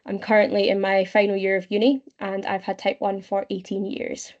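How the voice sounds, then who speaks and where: A Scottish woman in her twenties presenting an online webinar, explaining steadily with frequent pauses. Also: mid-range voice, completely flat delivery, darkish tone, lo-fi sound. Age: 20s. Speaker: webinar presenter, young leader. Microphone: video call.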